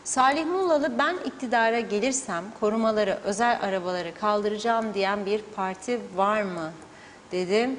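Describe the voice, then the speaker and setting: A woman's voice: medium pitch, moderate pace, long reverb tail, slight background noise. A woman presenting on TV, steadily reading out viewer messages. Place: TV studio.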